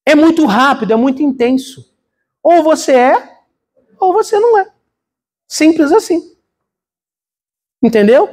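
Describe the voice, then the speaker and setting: A man's voice: very high voice, expressive, a little slow, long pauses, a little mellow. A middle-aged Brazilian man, a pastor, preaching a conversational sermon with a personal story, calling the congregation brothers. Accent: Brazilian Portuguese. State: congested from a cold.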